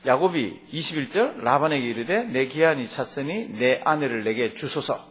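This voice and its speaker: A man preaching a sermon, reading Bible verses aloud and asking the congregation questions, swinging between loud and soft. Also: mid-range voice, lively intonation, normal speed. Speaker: pastor.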